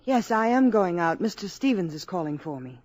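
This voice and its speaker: An actress playing a polite, wary young mother, speaking with crisp, genteel diction in an old radio drama. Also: fairly low pitch, expressive, a little fast, a little mellow, no echo. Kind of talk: 1950s radio acting.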